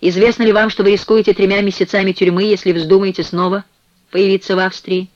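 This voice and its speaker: A formal, brisk police official, as a male reader puts him on, speaking officially in a gruff but kindly way. The sound is dry and a little dull. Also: high voice, little pitch movement, dry recording, voice pushed up, close to an everyday voice.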